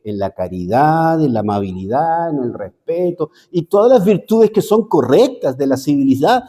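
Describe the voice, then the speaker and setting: A middle-aged man preaching a sermon as pastor, animated, with sudden high swoops and chatty asides. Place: church sanctuary. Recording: long hall reverb.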